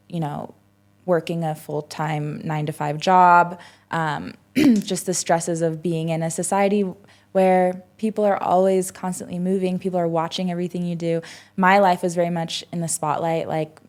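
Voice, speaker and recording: Woman, twenties, podcast guest; slightly low voice, loose reflective chat with frequent "um" and "like". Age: 20s. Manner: reflective, rambling with many fillers and restarts. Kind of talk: casual conversational interview.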